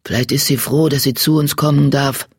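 Weary old she-cat in a storybook reading, low and breathy, close and dry, put on by the narrator. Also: fairly even intonation, brisk, dry recording. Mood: rueful.

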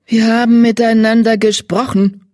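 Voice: medium pitch, lively intonation, normal speed, a little mellow, husky, dry recording, clean studio sound. A reader voicing a stern elder she-cat who speaks curtly and reproachfully, raised above the narration. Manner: curt, reproachful.

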